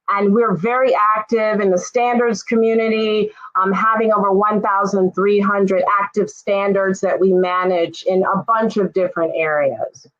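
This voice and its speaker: A woman from Jamaica giving an informal, friendly presentation on a webinar, often pausing with "um". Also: mid-range voice, lo-fi sound. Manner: friendly, relaxed, lots of "um" fillers. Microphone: video call.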